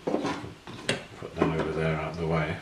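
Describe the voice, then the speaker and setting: With an extremely low, completely flat and unhurried voice, a middle-aged man works through a hands-on restoration at his bench, musing aloud in a plain, casual way. Heavy background noise, a roomy acoustic, and distinct handling clicks and clatter fill the recording.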